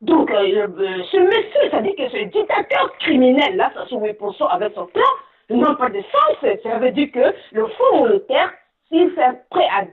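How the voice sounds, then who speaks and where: An indignant woman calls in over a tinny phone line, and her voice sounds distant and echoey. Her lively, fairly high voice swings widely in pitch as she pushes on through many hesitations. She builds to near-shouting. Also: normal speed. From Republic of the Congo. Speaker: caller. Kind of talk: impassioned call-in commentary.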